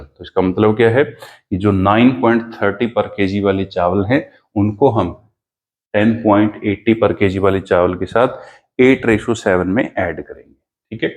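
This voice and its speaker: A man teaching an exam-prep math lesson, explaining each step slowly and dictating a word problem. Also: fairly low pitch, darkish tone.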